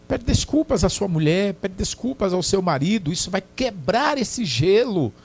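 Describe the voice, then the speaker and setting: A man's voice: sits high, sing-song, moderate pace, a little mellow, husky. A man preaching a sermon as pastor, emphatic and repetitive, often checking that listeners follow. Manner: emphatic, repetitive, keeps asking "Entendeu?".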